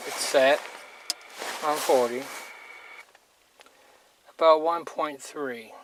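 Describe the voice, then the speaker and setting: A hobbyist walks through his radio gear in a relaxed, hands-on demo, speaking bluntly and plainly with some crudeness. He has a fairly bright, somewhat high voice and draws out his words. The amateur audio is noisy with clicks.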